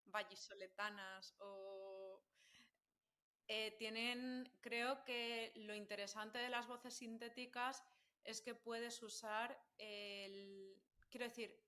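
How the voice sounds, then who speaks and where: On a relaxed podcast chat, a linguist guest speaks with the Madrid accent of central Spain. She is a little high-pitched, steady and sharp in tone, and slow as she explains patiently, dropping in frequent fillers and laughter.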